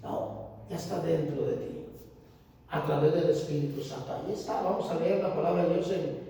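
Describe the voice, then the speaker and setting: High-voiced preacher in echoey hall. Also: male voice, normal speed. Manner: animated storytelling, acting out dialogue, laughing at himself. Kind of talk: storytelling sermon. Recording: echoey hall recording from far off with faint noise.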